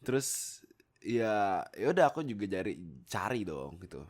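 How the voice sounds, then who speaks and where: A young man from Indonesia, fairly low-pitched and speaking at a moderate pace, chats excitedly about himself into a close USB microphone. A YouTuber and amateur voice actor, he tells rambling, unscripted stories full of exclamations and frequent giggles.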